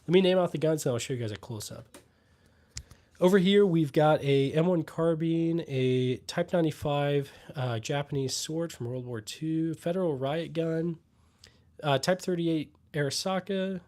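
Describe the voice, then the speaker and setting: A young Midwestern American man with a voice on the high side hosts a casual livestream. Relaxed, he reads chat comments aloud and responds, pausing to read and trailing off into plenty of fillers.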